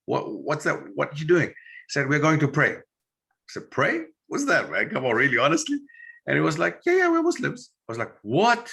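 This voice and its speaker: Greek-born male historian guest, bright tone, lively storyteller who acts out dialogue in an interview. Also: mid-range voice, creaky. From Greece. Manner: animated storyteller acting out quoted dialogue.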